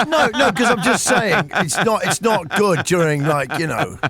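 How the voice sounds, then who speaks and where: Playful radio host, lively pitch. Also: male voice, measured pace, faint music behind. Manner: jokey, playful, laughs a lot. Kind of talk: casual radio banter.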